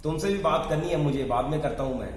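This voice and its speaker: A man's voice: fairly high pitch, fast talker, a little hiss or hum. Blunt, scolding interview coach man. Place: home. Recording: very echoey room.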